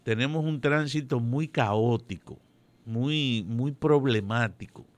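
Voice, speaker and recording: Slow, measured man commenting. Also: medium pitch, no room sound. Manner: measured, digressive, self-correcting. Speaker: political commentator. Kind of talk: radio commentary.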